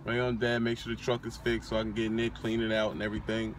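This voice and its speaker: A man's voice: on the low side, completely flat delivery, racing. A young man chatting casually in a parked car, laid-back and boastful, with plenty of slang and swearing. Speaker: vlogger, aspiring trucker. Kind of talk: casual chat. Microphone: phone camera on the dashboard. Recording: outdoor traffic noise in a car.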